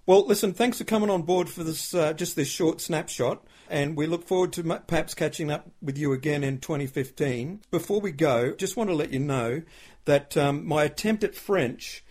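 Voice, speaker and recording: A male podcast host in casual interview chat, talking chattily and warmly complimenting his guest, with plenty of ums and uhs. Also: a little high, normal speed. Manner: chatty and complimentary, with many fillers.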